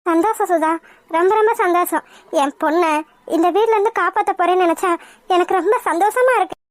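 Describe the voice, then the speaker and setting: A woman voicing a trusting middle-aged mother in a cartoon, gentle and reassuring. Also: extremely high pitch, a little fast, dry recording, studio quality. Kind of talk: Tamil cartoon voice acting.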